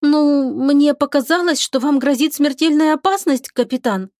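A woman's voice: sits high, normal speed, darkish tone, no room sound, clean studio sound, pitched above the performer's own voice, lightly acted. A woman voicing a bubbly, eager young female sailor on a starship, with a playful, sing-song delivery. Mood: sheepish.

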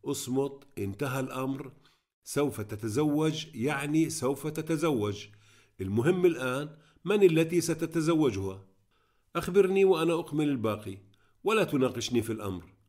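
A man's voice: medium pitch, lively intonation, fast, a little mellow, natural voice. A man reading aloud, voicing an older mother who insists and repeats herself. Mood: insistent. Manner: raised, insistent and repetitive.

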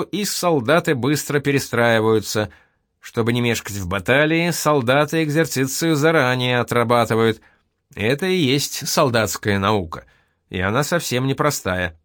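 A man's voice: mid-range voice, fairly bright tone, no echo, clean studio sound. Man reading an audiobook expressively. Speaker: narrator. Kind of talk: audiobook narration.

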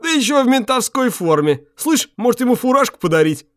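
A man's voice: very high voice, sing-song, a little fast, a bit bright, dry recording, clean studio sound, voice pushed up, heavily acted. A man voicing a mocking, rude male patrol policeman who talks crudely and jeers. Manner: jeering, crude.

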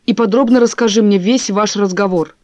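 A woman's voice: mid-range voice, brisk, darkish tone, no room sound, dull audio, natural voice. A woman voicing a nervous, evasive husband who snaps defensively. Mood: tense. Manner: tense, defensive, snapping. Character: nervous, evasive husband, middle-aged man. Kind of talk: audiobook character voice.

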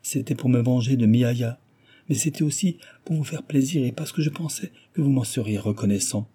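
A man's voice: mid-range voice, normal speed, mellow, breathy edge, voice pushed up, lightly acted. A man voicing an anxious young Japanese woman in an audiobook, pleading in a raised voice.

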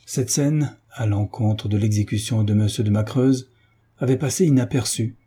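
A man reading a classic novel aloud as narrator, in an even, steady manner. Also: lowish voice, normal speed, slightly rough. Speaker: audiobook narrator. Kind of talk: scripted literary narration.

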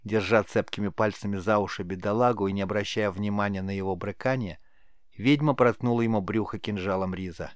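A man narrating a fantasy audiobook in a measured, scripted way. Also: lowish voice, steady tone, no echo, clean studio sound.

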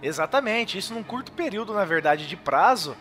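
A man's voice: high voice, lively intonation, fairly quick, sharp tone, soft background music. A man with a Brazilian Portuguese accent, hosting a podcast and casually recapping a horror film, rambling with lots of fillers and chuckles. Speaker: podcast host.

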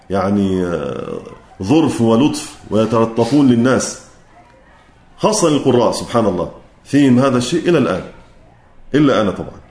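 A man with an Egyptian accent teaching a recitation class, chanting verse lines slowly and quizzing his students. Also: on the low side, a little mellow, echoey room. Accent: Egyptian Arabic. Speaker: lecturer on Quran recitation. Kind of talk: classroom lecture.

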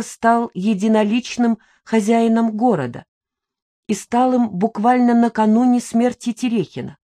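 A woman reading a first-person detective story aloud in a wry, lively way. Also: mid-range voice. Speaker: audiobook narrator. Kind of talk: first-person audiobook narration.

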